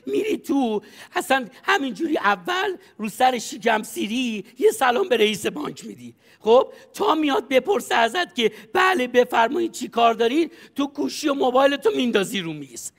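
On a studio stage, a man plays a comic advisor in a sketch, coaching someone in a brash, bossy way and laughing often. His voice is extremely high and sing-song, with hardly any pauses.

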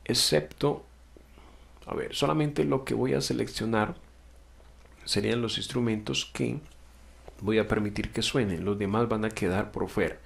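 This man's voice is lowish with vocal fry, and he talks a little slowly, pausing often. He is teaching music software in a screen-recorded tutorial, going step by step with patient explanations, self-corrections, and the occasional "ok?" check-in.

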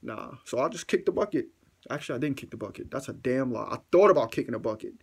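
A young man recounting a mishap at home in a loose, slang-heavy way. He swears freely and makes fun of himself. He acts out his reactions and now and then jumps up into a high squeal. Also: quick pace, creaky, breathy edge. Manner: animated, acts out his own reactions with sudden loud squeals; slangy, profane, self-mocking. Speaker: vlogger telling a story. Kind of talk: casual storytime monologue.

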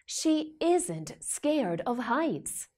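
A woman's voice: high voice, sing-song, drawn-out words, darkish tone. A young woman reading a picture book aloud as if to a toddler, with simple questions and exaggerated expression. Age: young adult. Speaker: storyteller for children. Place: indoor studio with plain backdrop.

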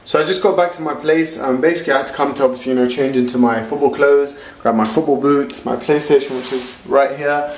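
A man's voice: medium pitch, steady tone, fast, hardly any pauses, darkish tone. A man in his twenties chatting casually to camera as a playful vlogger, often repeating words for emphasis, recorded at arm's length. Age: 20s. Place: car interior, outdoors and small rooms. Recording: clear background noise, car and handheld camera.

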